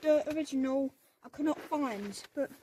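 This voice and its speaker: A woman's voice: high-pitched, moderate pace, dark tone, a little hiss or hum. A woman narrating a playful game vlog, adding silly sound effects and baby talk. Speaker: game vlogger.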